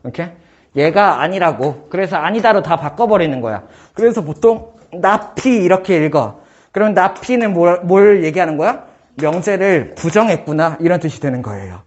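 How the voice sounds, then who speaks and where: A man teaching math in a casual one-on-one lesson, firing quick questions at his student and joking. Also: sits high, expressive, highs cut off. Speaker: math tutor.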